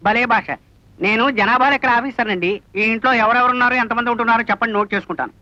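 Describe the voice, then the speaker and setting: Flustered census officer, rattling on fast, bright voice, dull dry audio. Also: male voice, very high voice, no room sound, exaggerated voice. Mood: fussy. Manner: fast, exasperated, fussy. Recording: dull dry film soundtrack.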